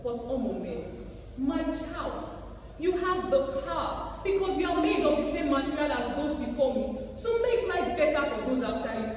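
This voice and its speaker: A woman's voice: sits high, sing-song, normal speed. A woman voicing a proud, affectionate Nigerian mother with an Urhobo accent, theatrical and emphatic, in a stage speech. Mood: affectionate, reassuring. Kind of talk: dramatised quote in a stage speech. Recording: echoey hall from far off, faint noise.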